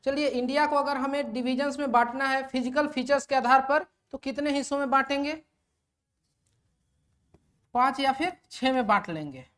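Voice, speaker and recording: A woman's voice: high voice, normal speed, a bit bright. A woman teaching a lecture who asks her students questions and then answers them herself, mixing English terms into her explanations. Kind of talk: classroom lecture.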